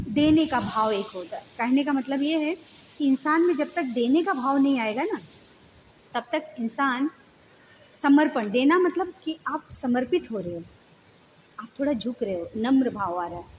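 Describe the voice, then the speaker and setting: High-voiced woman giving a devotional talk. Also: expressive, a little slow, long pauses, slight background noise, rough recording. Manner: explanatory, asks listeners questions. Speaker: spiritual lecturer. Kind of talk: devotional lecture with storytelling.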